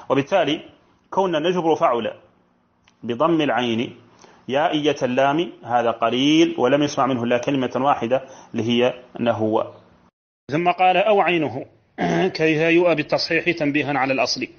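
A man teaching a lesson in morphology. He explains a verse text step by step, repeats key phrases and drops in colloquial asides. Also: mid-range voice. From Mauritania. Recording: dull lo-fi lesson recording.

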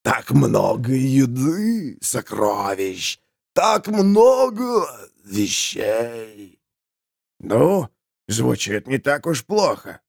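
A man's voice: mid-range voice, very animated, vocal fry, no echo, clean studio sound, heavily acted. A man voicing a greedy, moaning walking corpse in an audiobook story. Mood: whining despair. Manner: screeching, moaning, drawn-out.

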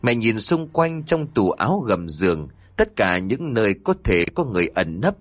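A man narrating a scripted horror story in a dramatic, expressive way. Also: lowish voice, moderate pace, dry recording.

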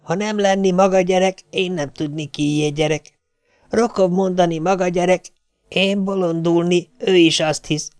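A man's voice: high-pitched, fairly even intonation, darkish tone, clean tone, no echo, pitched above the performer's own voice. A man reading an audiobook, voicing a kindly Swedish ship's cook who speaks in broken grammar, earnest and apologetic. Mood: worried.

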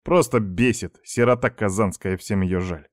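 A man's voice: on the low side, normal speed, no room sound, clean studio sound, close to an everyday voice. A man voicing a cheeky, defiant teenage schoolboy who mocks his father. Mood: sarcastic. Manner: mocking, defiant.

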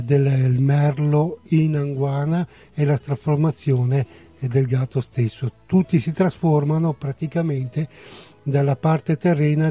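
A man on a TV talk show who explains a story hesitantly, with many pauses and fillers. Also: on the high side, warm tone. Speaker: guest discussing a story.

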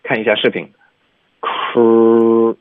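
Male language teacher, mid-pitched, patient explainer, dry tinny phone-line sound. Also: very animated, a little fast, slightly rough, no echo. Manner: explains patiently, demonstrating English sounds with exaggerated articulation. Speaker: English pronunciation teacher. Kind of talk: radio language lesson.

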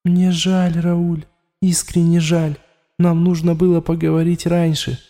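A man's voice: on the high side, little pitch movement, unhurried, warm tone, soft background music. A man voicing an insistent alien presence inside someone's head, urgent and ominous in turn. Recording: long echoing reverb.

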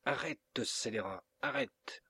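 A man voicing an angry, hot-headed young nobleman in an audiobook, shouting challenges. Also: on the low side, steady tone, slow, gravelly, husky, no room sound, full character voice. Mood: furious. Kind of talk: audiobook character reading.

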